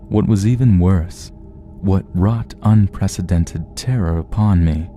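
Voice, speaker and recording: Deep, slow horror story narrator. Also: male voice, mellow. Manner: slow, measured, somber. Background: faint music.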